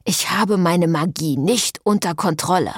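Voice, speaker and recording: A woman's voice: lowish voice, measured pace, breathy edge, dry recording, studio quality. A woman voicing an exhausted, sarcastic young male former priest in an audiobook. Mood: strained. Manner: sarcastic, strained.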